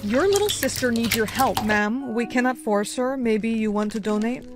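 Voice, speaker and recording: A woman's voice: a little high, normal speed, noisy background. A woman acting out several roles, such as a mother and an officer, in comedy skits, with a bossy, snappy delivery and background music.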